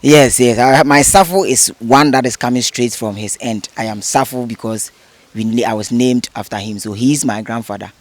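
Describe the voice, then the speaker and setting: A man in his thirties speaks as an interview guest. His voice sits in a middle pitch, and he explains things earnestly and at length. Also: moderate pace, dry recording. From Ghana. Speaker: interview guest, head of a cleanup group. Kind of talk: casual interview.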